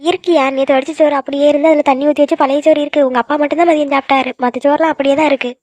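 A woman's voice: high voice, fairly even intonation, racing, a little mellow, no echo, close to an everyday voice. A woman voicing an emotional middle-aged village mother in a cartoon, scolding her daughter and doting on her son. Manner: scolding, then tearful and doting. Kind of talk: cartoon voice acting.

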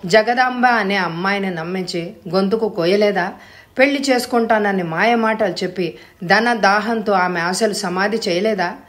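A cold, vengeful young man in an audiobook, accusing in a raised, cutting voice, as a woman narrator reads him. Her low voice rises in pitch and volume for him. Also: moderate pace, close to an everyday voice.

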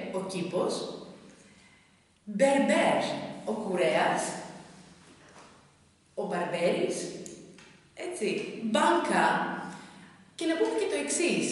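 A woman teaching a language lesson, explaining step by step with frequent hesitations, recorded from a distance in a large room. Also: medium pitch. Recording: echoey hall, mic far off.

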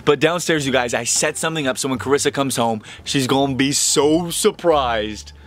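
A young man vlogging a prank to camera, excitable and often talking in a hushed whisper. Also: medium pitch, moderate pace. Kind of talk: casual vlog talk to camera.

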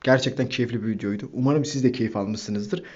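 A man hosting a gaming channel, giving lively commentary over his own football video game match, shouting player names and cursing at his players. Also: mid-range voice, brisk, dull audio.

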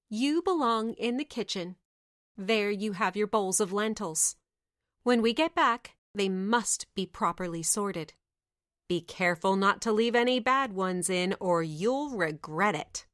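A woman voicing haughty young stepsisters in a fairy tale, sneering and shrill. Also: a bit bright, no echo, studio quality.

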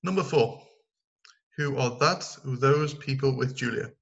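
A man's voice: medium pitch, slow, vocal fry, muffled recording. A man teaching a recorded online English lesson, explaining step by step and counting down aloud for his learners.

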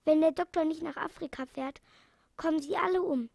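A sad, tearful crocodile who speaks mournfully, read aloud by a woman. The voice is high with some fry. It is a close, dry recording. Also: fairly quick, a little mellow, no echo. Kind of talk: storybook reading.

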